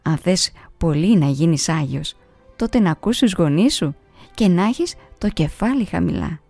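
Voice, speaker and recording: Woman voicing a gentle old monk elder. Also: fairly low pitch, animated, creaky, no echo, soft background music, pitched below the performer's own voice. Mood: gentle, fatherly. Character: kindly old male monk elder, sixties, gentle and teasing.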